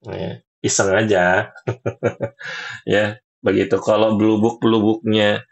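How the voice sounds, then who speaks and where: A man teaching Quran pronunciation in a relaxed, chatty way, slowly sounding out letters again and again. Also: lowish voice, vocal fry, breathy edge. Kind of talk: relaxed teaching talk to women.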